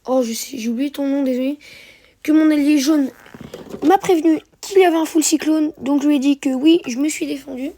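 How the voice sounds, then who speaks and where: High-pitched hesitant woman commenting gameplay. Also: fairly quick, dark tone. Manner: hesitant, many fillers and self-corrections. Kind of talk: narrated strategy game replay commentary.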